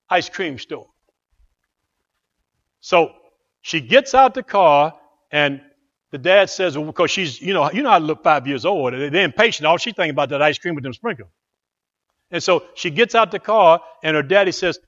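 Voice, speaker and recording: A man's voice: sits high, lo-fi sound. A man preaching a sermon, telling a story dramatically and repeating phrases for emphasis. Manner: animated and dramatic, with repetition.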